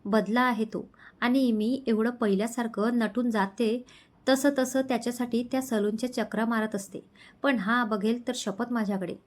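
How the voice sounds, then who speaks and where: A jealous, frustrated young woman, as a woman storyteller reads her. She complains irritably, and her voice is a little high. It is a spoken storybook romance. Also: steady tone, moderate pace, natural voice. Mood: irritated.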